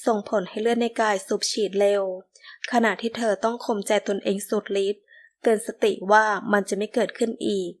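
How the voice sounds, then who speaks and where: A woman giving scripted, measured narration of a romance novel. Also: a little high. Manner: measured, steady storytelling. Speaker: audiobook narrator.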